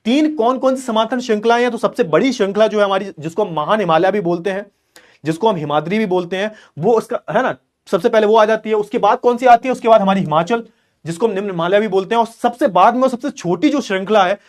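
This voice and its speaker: A man's voice: sits high, fast talker. A male teacher giving an exam-prep lecture who repeats key terms, asks rhetorical questions and explains while drawing on a board.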